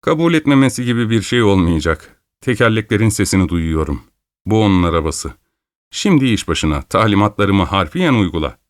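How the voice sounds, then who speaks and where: A man's voice: fairly low pitch, very animated, brisk, no room sound, studio quality. A man voicing a shrewd male detective who reasons aloud confidently in an audiobook. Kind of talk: audiobook character voice.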